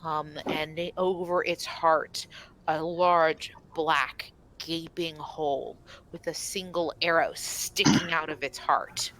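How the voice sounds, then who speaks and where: A woman narrating a tabletop game as game master, halting and full of fillers and restarts. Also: low voice, steady tone, fairly bright tone, a little hiss or hum, poor audio.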